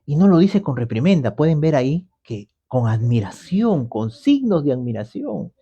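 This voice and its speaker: A man's voice: on the high side, very animated, normal speed, dark tone, slightly rough, lo-fi sound. A man teaching scripture on a radio program in a conversational way, explaining step by step and often checking in with his listeners. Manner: explanatory, often adds the tag question "¿no?". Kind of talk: conversational Bible commentary.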